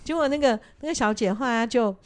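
A woman's voice: fairly high pitch, fast talker. A woman, co-hosting a podcast and telling a story in casual chat, laughing as she goes. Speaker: podcast co-host.

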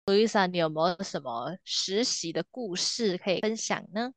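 A woman's voice: lowish voice, animated, normal speed, no room sound. A young woman co-hosting a casual podcast, telling reflective stories about her first year at university. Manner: reflective, storytelling. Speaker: podcast co-host.

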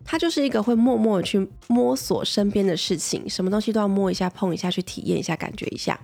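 A woman's voice: medium pitch, gravelly, darkish tone. A woman in her thirties, a mother and pediatrician with a Taiwanese Mandarin accent, chatting casually as she tells a family story and keeps checking that listeners agree.

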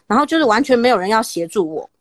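This podcast host, a woman in her thirties speaking with a Taiwanese Mandarin accent, is a fast talker with a voice on the high side. She chats casually while spinning a dramatic story, animated and laughing. The recording is dry, with clean studio sound.

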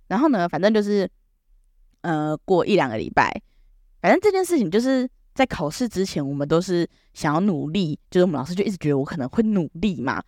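A young woman telling a comic story about herself to camera, animated and self-mocking, full of quick restarts. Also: on the low side, dry recording, clean studio sound. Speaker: vlogger.

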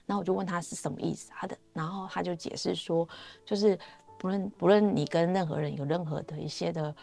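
A woman's voice: fairly low pitch, steady tone, fast talker, vocal fry, dark tone. A woman with a Taiwanese Mandarin accent sharing her personal faith testimony in a chatty, storytelling way, often trailing off with fillers.

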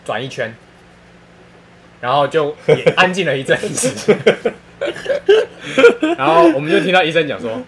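A man's voice: fairly high pitch, measured pace, long pauses, a loud crowd. Taiwanese guy telling crude funny stories, voice jumps all over, laughs a lot. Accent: Taiwanese Mandarin. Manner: animated, laughs often, crude slang. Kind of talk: casual storytelling chat.

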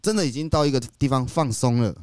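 Male podcast co-host, Taiwanese accent, rapid and animated delivery, casual frank chat, very dry close sound. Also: medium pitch, clean tone, no echo. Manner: colloquial, drops in English words.

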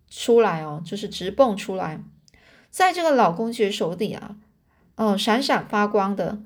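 Woman storyteller, casual chatty retelling, filler particles, slightly high voice.

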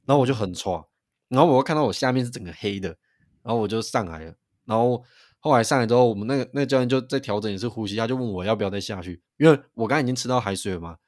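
A man, co-hosting a podcast and telling a story in an animated way, with frequent restarts. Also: medium pitch, racing, dry recording, studio quality. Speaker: podcast co-host. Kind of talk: casual chat.

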